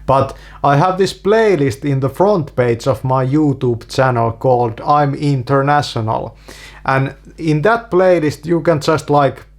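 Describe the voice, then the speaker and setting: Speaking English as a native Finnish speaker, this man, a video creator, has a medium-pitched voice and a clear Finnish accent. His casual monologue is halting, full of restarts and repeated fillers.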